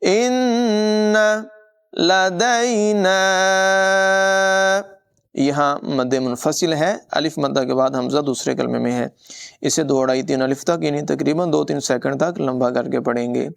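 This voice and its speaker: A man teaching tajweed, giving brisk explanations between slow, drawn-out melodic recitation. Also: medium pitch, steady tone, vocal fry, a little mellow.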